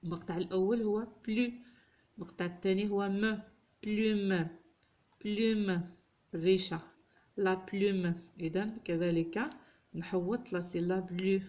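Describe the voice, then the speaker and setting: Female teacher, patient, spells out syllables one by one in a mid-pitched voice. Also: fairly even intonation, darkish tone, muffled recording. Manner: sounds out French syllables slowly and clearly. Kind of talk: tutorial lesson.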